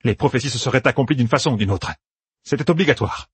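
A man voicing a furious, tyrannical older woman ruler in an audiobook, haughty and shouting. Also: medium pitch, fast, slightly rough, no echo, voice pushed up.

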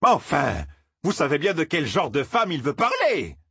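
A man voicing a cranky, indignant old male roofer who scolds and shouts, in an audiobook. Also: fairly high pitch, big pitch swings, moderate pace, husky, dry recording, studio quality, voice pushed up. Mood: furious. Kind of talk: audiobook character voice.

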